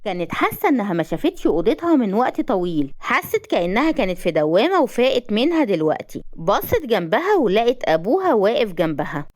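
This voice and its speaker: A woman's voice: medium pitch, a little mellow. A woman with an Egyptian accent narrating a scripted romance story in a dramatic, flowing reading. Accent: Egyptian Arabic.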